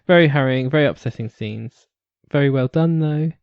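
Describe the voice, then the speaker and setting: A man with a British accent co-hosting a casual podcast chat. He is wry and joking, and often trails off into soft asides. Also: mid-range voice, a little fast, no room sound. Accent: British English. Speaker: podcast co-host. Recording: dry, dull lo-fi podcast audio.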